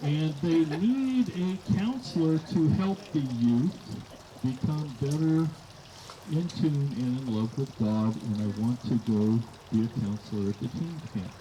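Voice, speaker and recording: A middle-aged man gives an informal wedding toast as father of the bride, telling stories in a folksy way and acting out quoted dialogue. His mid-range voice is a little slow. It's a live event, with clear background noise.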